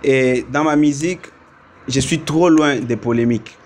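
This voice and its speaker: A man's voice: mid-range voice, normal speed, a little mellow, a little hiss or hum. A man from Congo, a musician, talking about his music in a casual interview, thinking aloud with many fillers. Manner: thoughtful, explains at length with fillers. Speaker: musician guest.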